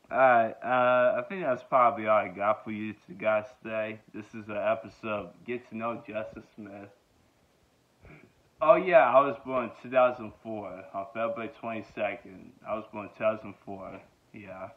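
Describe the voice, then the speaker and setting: A man's voice: on the low side, fairly even intonation, moderate pace. A man in his twenties from Georgia, talking casually about himself in a rambling way full of fillers, filmed on a phone held close in his bedroom. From Georgia, USA. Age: 20s. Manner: rambling, many fillers and repeated yeahs. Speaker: vlogger. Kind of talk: casual self-introduction vlog. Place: small bedroom indoors. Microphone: phone held close at arm's length. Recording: tinny phone-like sound.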